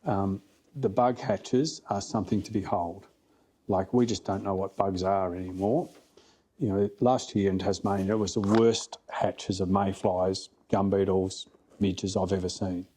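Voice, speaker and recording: Low-pitched and steady, this man's mellow voice has a breathy edge and moves at a measured pace. He's a middle-aged Australian fly fishing guide swapping stories on a podcast in a casual, blokey, plain-spoken manner full of emphatic repetition.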